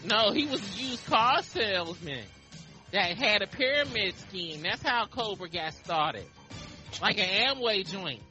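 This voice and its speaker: A man's voice: sits high, expressive, unhurried, pushed and bright, faint music behind, low-quality recording. A man hosting a casual podcast chat, loose and joking, swearing freely. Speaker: podcast host.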